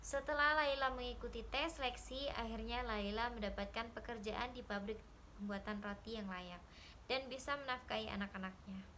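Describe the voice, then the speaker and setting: A young woman with a high voice reads a short story aloud as a literature student's exercise. Her delivery is careful and steady, with the odd stumble and restart. A faint hum of background noise sits behind her. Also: moderate pace, low-quality recording. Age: young adult. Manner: careful reading with small slips and restarts.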